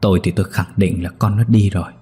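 A shaken father stammering in fear, as a man puts him on, his husky voice pushed higher than the narrator's own. Faint music runs underneath. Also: fairly even intonation, quick pace, dark tone. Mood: frightened. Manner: stammering, frightened. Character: terrified middle-aged father.

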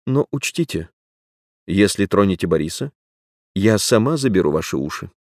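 A man reading an audiobook voices a cool young woman who asks measured, dry questions. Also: deep voice, sing-song, no echo. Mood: wry.

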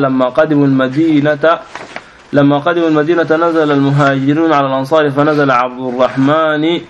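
A man with a Sudanese Arabic accent reading hadith aloud to his teacher in a quick, level recitation, sometimes restarting a word. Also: fairly high pitch, lo-fi sound, a little hiss or hum. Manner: fast, even reading with small restarts.

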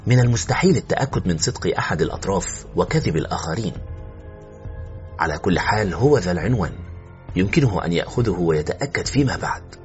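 A man narrating a suspense story as an audiobook, expressive and tense, in a slightly muffled recording with faint music. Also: low-pitched, fast.

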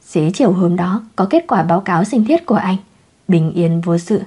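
A woman narrating a romance novel in an even, measured storytelling manner. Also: on the low side, slightly rough. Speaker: audiobook narrator.

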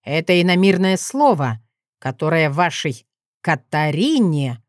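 A woman's voice: low-pitched, sing-song, measured pace, dry recording, clean studio sound. A woman voicing a haughty adult dragon lord with an ironic, sneering drawl. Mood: sardonic.

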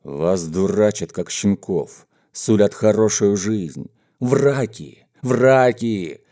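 A man voicing a menacing mustached bandit gang boss, speaking in gruff, slow, threatening speeches in a storybook reading. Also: fairly low pitch, expressive, warm tone. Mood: haranguing.

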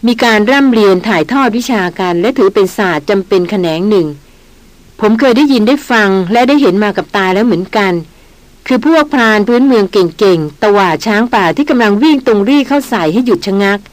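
Woman reading as a calm veteran hunter. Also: medium pitch, no room sound, natural voice, poor audio. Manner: slow, steady explaining. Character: veteran male jungle hunter, calm and measured.

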